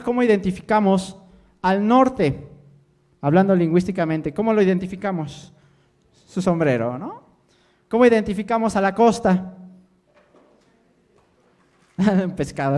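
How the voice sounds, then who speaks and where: A man's voice: sits high, a little mellow. A man giving a lecture as a language teacher, constantly checking in with the audience and joking with them. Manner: quizzes the audience with constant "¿sí?" and jokes. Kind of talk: interactive lecture to students.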